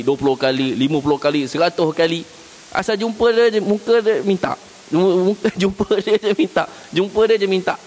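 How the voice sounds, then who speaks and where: Malaysian Malay male preacher, mid pitch, storytelling lecture style, voice jumps up to stress points; faint hiss in a reverberant mosque hall. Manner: storytelling, acts out everyday scenes with chuckles; voice rises sharply when driving a point home. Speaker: religious teacher.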